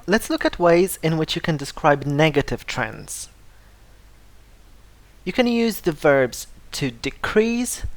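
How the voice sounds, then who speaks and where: In a scripted lesson on vocabulary, a teacher of English speaks at a slow, careful pace, going over word lists repeatedly for learners. Syllables are emphasized to show correct pronunciation. The pitch is medium, and there's no echo.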